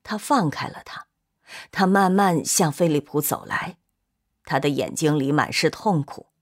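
Steady woman reading a novel aloud. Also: deep voice, unhurried. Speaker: narrator. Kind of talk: scripted audiobook narration.

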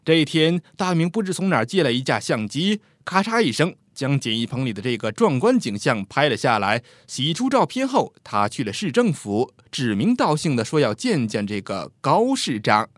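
Expressive male storyteller, lively pitch. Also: moderate pace, hardly any pauses, no echo, studio quality. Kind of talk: scripted story narration.

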